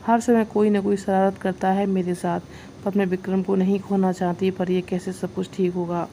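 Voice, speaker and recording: A woman's voice: medium pitch, flat delivery, normal speed, dark tone, slight background noise, close to an everyday voice. A woman reading an emotional, pleading young woman. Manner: pleading, tearful.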